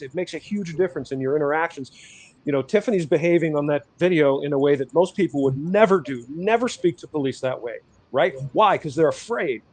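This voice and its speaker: A man's voice: a little high, a little mellow. A man, a guest on a podcast, speaking in an emphatic, impassioned and profane manner. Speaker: podcast guest, rights activist. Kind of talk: casual chat.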